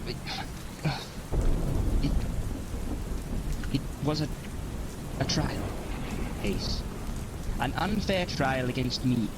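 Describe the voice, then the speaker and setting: An actor playing an enigmatic, grieving alien time traveler and mentor in an audio drama, with a theatrical, grandiose way of speaking. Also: male voice, mid-range voice, extremely slow, pauses often, heavy background noise. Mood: mournful, guilty.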